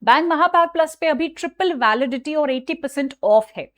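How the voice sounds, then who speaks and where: A woman's voice: high-pitched, normal speed, a bit bright. A young woman teaching an online exam-preparation lesson, chatty and direct, mixing English phrases into her talk and often checking in with her students. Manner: chatty, mixes Hindi with English phrases, repeats "ठीक है?".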